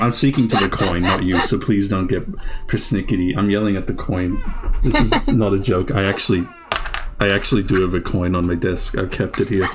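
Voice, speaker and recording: A man co-hosting a casual gameplay commentary, joking, swearing freely, laughing often and breaking into mock outrage. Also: sits low. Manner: mock outrage and silly voices while reacting. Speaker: co-host of a let's play series.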